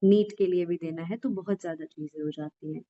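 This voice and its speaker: A woman's voice: lowish voice, brisk. A woman hosting a podcast, asking questions and encouraging the guest with frequent agreeing murmurs. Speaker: podcast host. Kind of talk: casual interview questions. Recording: dull, lo-fi audio.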